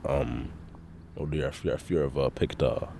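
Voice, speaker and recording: A young man hosts a solo podcast in an extremely low, rumbling voice. His nose is congested, which gives him a nasal tone. He rambles casually, swears freely and pokes fun at himself, with faint noise in the background. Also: normal speed, creaky, mellow. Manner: rambling, swears often, self-deprecating.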